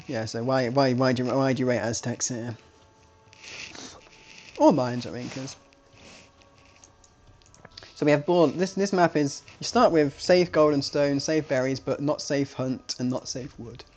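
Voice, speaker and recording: Guy casting a strategy game live, rambly and chatty, keeps restarting, middle pitch. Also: fairly even intonation, measured pace, long pauses, darkish tone, a little hiss or hum. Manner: rambling, self-correcting, chatty. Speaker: esports caster.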